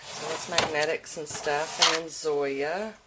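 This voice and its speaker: A woman's voice: deep voice, fairly even intonation, unhurried. A woman giving a casual, informal video tour in a folksy way, recorded indoors at home on a handheld camera. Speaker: vlogger showing a nail polish collection. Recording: noisy home recording with clicks.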